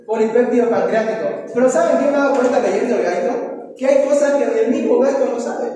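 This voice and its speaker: High-voiced male teacher in an echoey hall. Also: a little fast, mellow. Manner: quizzes students, tags lines with "¿no?". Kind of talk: classroom review lecture. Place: classroom. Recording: echoey hall, voice from far off, faint noise.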